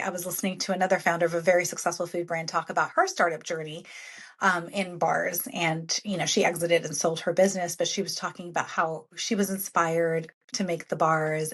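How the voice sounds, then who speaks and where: A woman's voice: on the low side, steady tone, a little fast, a bit bright, breathy edge. A middle-aged woman founder, a guest on an interview podcast, talking casually and fluently with many filler phrases. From United States, born in Sudan. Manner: upbeat and fluent, many "you know" fillers.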